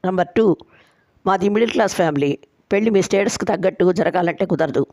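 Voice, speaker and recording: A woman's voice: on the low side, fast talker, darkish tone, dry recording, clean studio sound, lightly acted. Bossy young bride-to-be, as a woman narrator reads her. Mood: firm. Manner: firm, teasing, laying down conditions.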